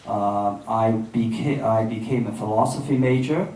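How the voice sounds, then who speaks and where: A filmmaker from Hong Kong, whose first language is Cantonese, speaks as a guest in a reflective public conversation at an event room. His voice is low and dark, halting as he searches for words. The recording is echoey and distant, with faint noise.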